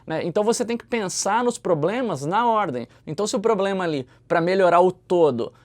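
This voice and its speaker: A man's voice: sits high, lively intonation, fairly quick. A man with a Brazilian Portuguese accent who explains audio mixing in a casual, chatty way and keeps tagging his sentences with a questioning "né?". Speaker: YouTuber teaching audio mixing. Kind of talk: casual explanatory talk to camera.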